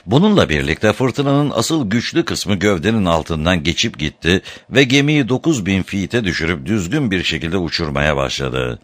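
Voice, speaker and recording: Deep-voiced man reading an audiobook. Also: big pitch swings, normal speed, hardly any pauses, dry recording. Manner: dramatic, raises voice for shouted quotes. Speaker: narrator. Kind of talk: audiobook narration.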